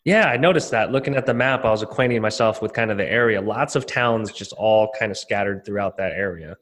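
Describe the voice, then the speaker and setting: A man's voice: on the low side, brisk, fairly bright tone. A man hosting a casual interview in an informal, agreeable way, often affirming his guest. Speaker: interview host.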